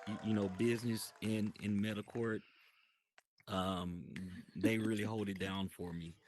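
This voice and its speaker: A man's voice: fairly low pitch, steady tone, a little slow, darkish tone, slight background noise. A man casually telling a long story in a voice chat, full of restarts and fillers. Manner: rambling, many restarts and fillers. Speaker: guest describing his virtual world.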